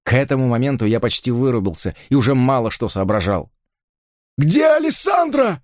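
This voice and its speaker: A man's voice: medium pitch, fast talker, no echo, studio quality. A man reading a first-person thriller aloud, narrating in a dramatic way. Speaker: audiobook narrator.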